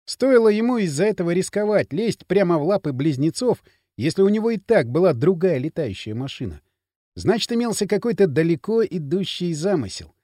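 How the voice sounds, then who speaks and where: Expressive man reading an audiobook. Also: high voice, no echo, clean studio sound. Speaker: audiobook reader. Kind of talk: audiobook narration.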